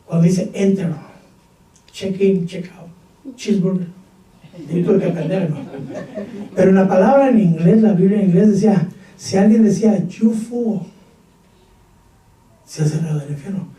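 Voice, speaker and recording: A man's voice: high voice, moderate pace, pauses often, mellow. A male pastor with a Mexican Spanish accent, preaching a Pentecostal sermon and putting rhetorical questions to his congregation. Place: church hall. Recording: echoey church hall, mic at a distance.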